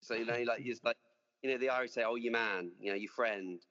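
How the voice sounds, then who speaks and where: A man's voice: mid-range voice, fairly even intonation, fast, a bit bright, big-room sound, lo-fi sound. A man, a dentist being interviewed, talking in a chatty, rambling way with many restarts. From English Midlands. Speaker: dentist guest. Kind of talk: casual interview.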